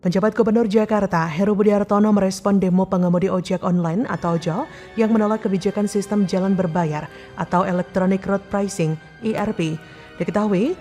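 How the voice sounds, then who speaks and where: A woman reading a scripted, opinionated news commentary in a steady voice over a music bed. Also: mid-range voice. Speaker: news narrator. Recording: faint music bed behind.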